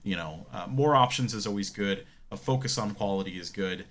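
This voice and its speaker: A man with a fairly low, bright voice talks briskly as a podcast co-host. He chats casually about gaming tech, opinionated and explanatory.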